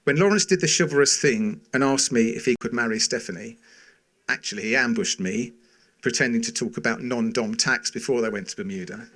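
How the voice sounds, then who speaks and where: Father of the bride at the wedding toast: middle-aged man, mid-pitched voice, affectionate and sincere, gentle humour, phrases set apart by pauses.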